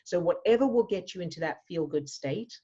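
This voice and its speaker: A South African mindset coach answers questions during a workshop Q&A, repeating words as she thinks her explanations through. Her voice is on the low side, expressive and mellow with a breathy edge, and fairly quick, though the lo-fi audio sounds dull.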